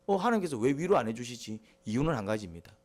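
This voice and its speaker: A middle-aged male pastor preaches a sermon in a sing-song voice at a quick pace, asking the congregation questions and then answering them himself. He swings between quiet, low asides and loud, high, emphatic lines.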